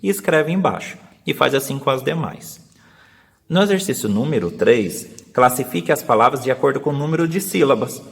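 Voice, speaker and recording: A man with a Brazilian Portuguese accent, a teacher explaining a lesson step by step and slowly sounding out syllables for young pupils. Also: mid-range voice, animated, creaky, in a large hall. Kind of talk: remote class video lesson.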